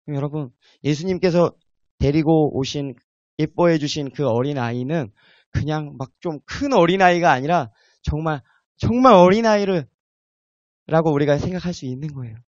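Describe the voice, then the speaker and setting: Guy preaching, kinda high voice, dry dull recording, gets loud then goes quiet, keeps asking the crowd stuff. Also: dry recording. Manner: rises to emphatic peaks, drops to soft asides, asks the congregation questions. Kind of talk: sermon.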